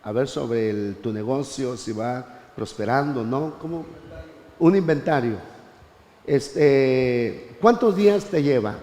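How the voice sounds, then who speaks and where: A man teaching a church Bible class, animated, often turning to his listeners as brother. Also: mid-range voice, slow pace, in a large hall, slight background noise.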